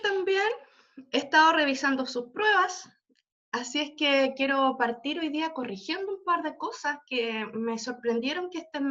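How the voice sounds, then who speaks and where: A woman's voice: high voice, bright, forceful tone. Woman, literature teacher, explanatory lecture, muffled lo-fi call audio. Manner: explanatory, checks in often with "¿ya?" and "¿cierto?". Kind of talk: online class lecture. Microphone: computer mic on a video call. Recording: dull lo-fi video call audio.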